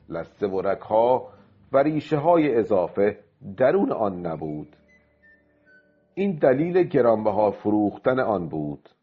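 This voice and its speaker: A man narrating a radio drama in an expressive storytelling manner. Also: lowish voice, husky, narrow, tinny audio.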